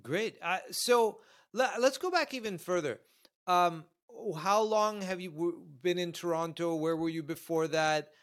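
A man's voice: high voice, unhurried, fairly bright tone. Friendly male podcast host, light voice. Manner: friendly, hesitant restarts. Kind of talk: interviewing a guest.

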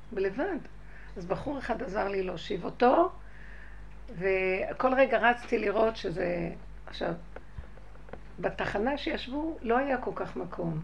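A woman giving a religious talk to a group, telling personal stories and speaking straight to her listeners, moving from quiet, hushed stretches to loud outbursts. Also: mid-range voice, creaky, noisy background. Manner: addresses listeners directly. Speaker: spiritual teacher.

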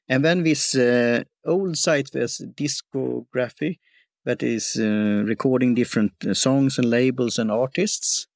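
A man hosting a podcast interview, talking haltingly and often stopping to search for words. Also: medium pitch, vocal fry, dry recording, studio quality. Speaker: podcast host. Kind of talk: casual interview.

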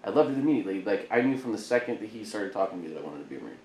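A man from Idaho, a former Marine, telling his story as a podcast guest in a profane, animated way. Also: fairly low pitch, racing. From Idaho, United States. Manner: profane, animated storyteller who acts out quotes. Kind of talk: casual interview storytelling. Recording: echoey room, faint background noise.

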